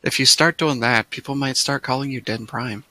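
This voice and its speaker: A man's voice: mid-range voice, normal speed, pushed and bright. A young man chatting over voice chat with friends, teasing, laughing often and swearing freely. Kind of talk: casual gaming voice chat.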